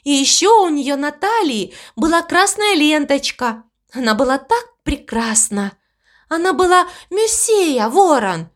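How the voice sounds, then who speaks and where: A woman voicing a calm, motherly cow in a storybook reading, coaxing and patiently explaining. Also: high voice, measured pace, pitched above the performer's own voice.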